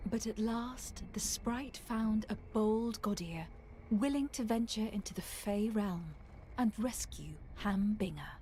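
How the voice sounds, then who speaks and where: A woman's voice: mid-range voice, slow, mellow, close to an everyday voice. Woman as a fantasy game storyteller over ambient noise. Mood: solemn. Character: solemn female storyteller of a fantasy fairy tale. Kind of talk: scripted dramatic narration.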